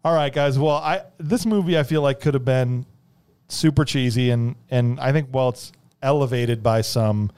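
Male podcast host, medium pitch, casual jokey film discussion. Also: moderate pace, darkish tone, clear, resonant tone.

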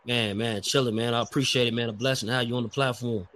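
A man's voice: medium pitch, steady tone, quick pace, fairly bright tone. A man hosting a casual interview in a laid-back way, calling his guest "man" and "bro". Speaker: podcast host.

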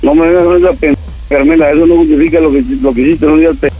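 A man's voice: a little high, rapid-fire, soft background music, rough recording. Insistent middle-aged Mexican man. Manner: insistent, repeats words, pleading to calm down. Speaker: prank call target, father.

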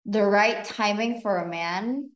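Slow-talking woman podcast host. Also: medium pitch. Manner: relaxed, thinking aloud with fillers. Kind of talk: casual chat. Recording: echoey room.

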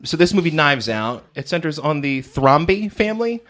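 A man's voice: a little high, very animated, moderate pace, a bit bright. Opinionated man in casual film chat. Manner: opinionated, critical, with frequent fillers. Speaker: podcast co-host reviewing films. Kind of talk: casual movie review chat.

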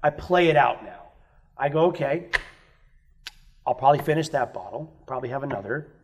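Brisk and expressive, a mid-range male voice belongs to a guest musician sharing frank stories about his past on a podcast. In the casual chat he curses freely and acts out the lines of people he's quoting.

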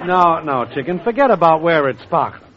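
A man playing a brash, wisecracking young schemer writing a song, with a husky voice, in 1940s radio comedy style, on a dull old recording. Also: on the high side, animated, moderate pace, a loud crowd, heavy background noise, close to an everyday voice. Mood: scheming. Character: fast-talking male songwriting schemer.

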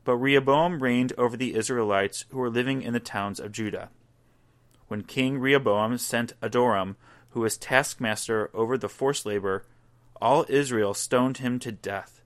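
A man reading a scripture passage aloud in a measured, deliberate way. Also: mid-range voice. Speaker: scripture reader.

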